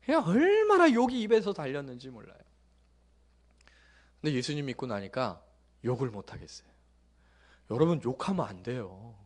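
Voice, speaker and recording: A middle-aged male pastor preaching a sermon, telling jokey stories that swing from loud bursts to hushed asides. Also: medium pitch, moderate pace, long pauses. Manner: lively, joking storytelling with sudden loud bursts and hushed asides.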